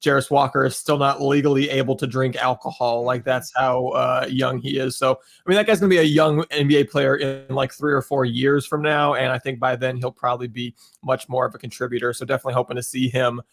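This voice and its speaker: Casting note: male podcast co-host, rapid excitable casual delivery. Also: medium pitch. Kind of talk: casual sports podcast chat.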